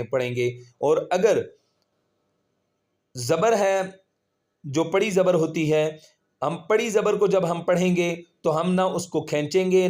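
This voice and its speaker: A man teaching Quran reading, spelling out syllables slowly and patiently and drawing out the vowels. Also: a little high, darkish tone. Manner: slow, patient, drawn-out syllables when spelling. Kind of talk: spelling-out recitation lesson.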